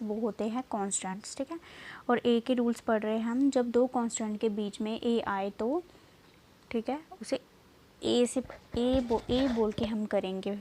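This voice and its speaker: A woman teaching a basic lesson, slowing down to spell out letters and often checking in with "okay". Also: mid-range voice, a little mellow. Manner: repeats "theek hai" often, slow and drawn-out when spelling letters. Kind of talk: classroom lesson.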